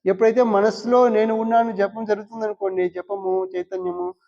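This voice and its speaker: A high-voiced man gives a spiritual discourse. He poses questions to his listeners and answers them himself, repeating key words. The recording is dull and lo-fi, and a long hall reverb trails each phrase. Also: little pitch movement, a little fast, gravelly, dark tone. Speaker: spiritual teacher.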